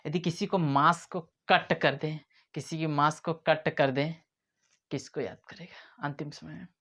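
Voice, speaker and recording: A man's voice: on the high side, fairly even intonation, unhurried, fairly bright tone. A man teaching memory tricks in a playful way, acting out little scenes as he explains. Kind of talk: mnemonic lesson to camera. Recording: dull lo-fi sound.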